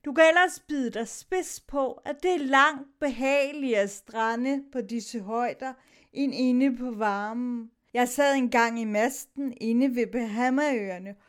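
Woman reading a sailors' tale, high voice. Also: clean tone. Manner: reads many sailors' lines with shifting tone. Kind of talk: dramatic reading of a sea story.

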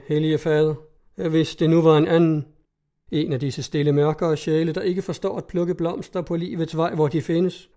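A man's voice: fairly high pitch, dark tone, natural voice. A man voicing an eloquent, passionate young painter who pleads fervently.

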